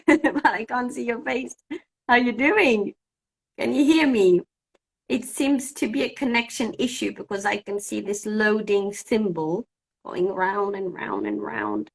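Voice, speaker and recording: Recorded on a phone, this woman from Cyprus, a native Greek speaker who teaches English, talks through technical problems out loud during a relaxed live stream. She has a medium-pitched, creaky voice.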